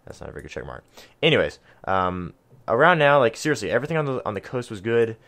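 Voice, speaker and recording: A man's voice: mid-range voice, sing-song, quick pace, creaky, a bit bright. A man giving a casual map guide for a video game, chatty, with lots of ums and self-deprecating asides. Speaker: gaming video creator.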